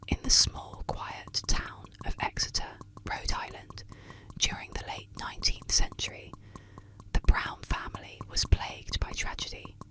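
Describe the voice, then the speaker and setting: A woman narrating eerie tales as ASMR, in a soft unvoiced whisper close to the ear. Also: unhurried. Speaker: ASMR storyteller. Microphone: close ASMR microphone.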